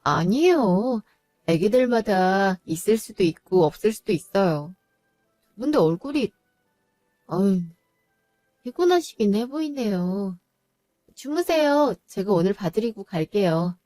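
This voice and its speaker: Woman voicing a polite young daughter-in-law, calm, mellow voice, dry close sound. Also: mid-range voice, measured pace, long pauses, no echo, soft background music, close to an everyday voice. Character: patient young wife, kind daughter-in-law.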